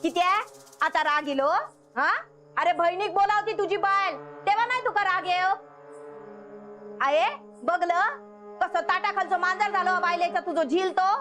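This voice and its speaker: An actress playing a sharp-tongued village wife in a TV drama, scolding and arguing. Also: female voice, normal speed, long pauses, over music. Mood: angry. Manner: shrill, scolding, argumentative. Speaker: quarrelling family woman. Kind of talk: TV drama acting.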